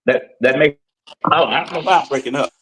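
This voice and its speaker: A man's voice: mid-range voice, a little fast, a bit bright. A man talking earnestly in a group discussion over a call, his voice breaking up and dropping out on a bad connection, often restarting his phrases.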